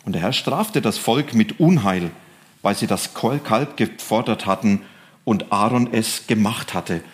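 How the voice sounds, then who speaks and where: A man preaching a sermon. He reads scripture passages aloud and stresses key phrases by raising his pitch and slowing down.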